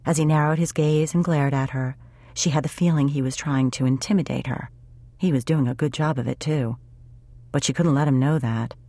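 A woman narrates a contemporary romance audiobook in an even, measured way. Her voice sits very low. The recording is close and dry, with no room sound. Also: no room sound.

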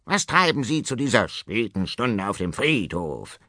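A man voicing a brash, boastful male tomcat who talks fast and pushy in a storybook. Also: lowish voice, very animated, bright, forceful tone, no echo, heavily acted. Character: brash male tomcat film director, cocky hustler. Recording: dry studio audiobook.

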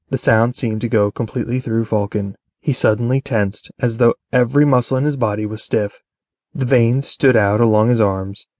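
A man reading fantasy fiction aloud as an audiobook narrator, in a measured, even way. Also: mid-range voice, no echo. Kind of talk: scripted narration.

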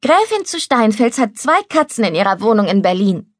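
A woman's voice: mid-range voice, big pitch swings, normal speed, no room sound. A woman voicing a stubborn young girl who wheedles and insists, in a storybook reading. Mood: pleading. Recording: dry studio recording.

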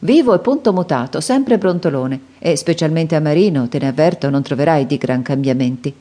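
Brief: meek middle-aged father, apologetic and hesitant, low and warm read by a woman for a storybook. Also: animated, brisk. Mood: mild. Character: kindly, weak, embarrassed middle-aged father. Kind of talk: audiobook character reading.

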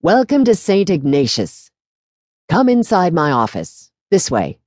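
A woman reading as a jovial, squat old monsignor with a dark, mellow tone, sighing and chuckling at his own jokes. He talks in a close, dry, intimate way, good-humored even when exasperated, in an audiobook story. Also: on the low side, measured pace, dry recording, heavily acted. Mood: jovial welcome. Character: jovial squat older male priest, monsignor.

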